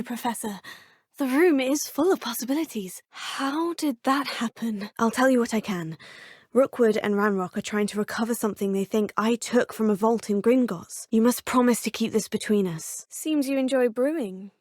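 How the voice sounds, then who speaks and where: A woman voices a curious teenage witch studying wizardry, the player character in a video game's voice lines. Her voice is a little high with a darkish tone, lightly acted and polite, inquisitive, and earnest, often murmuring to herself. The audio is a dry, clean studio recording on a close mic.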